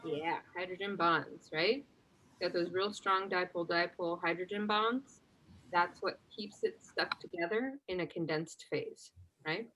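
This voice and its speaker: A chemistry instructor with a fairly low voice leads a relaxed, conversational exam review, regularly quizzing her class. She constantly checks understanding by adding a quick "right?" to her explanations. The audio is poor, with a little hiss or hum.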